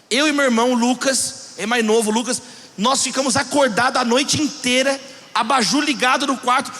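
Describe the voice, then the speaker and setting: A man preaching a sermon as pastor, telling stories in an animated way and acting out the voices in them. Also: very high voice, big-room sound.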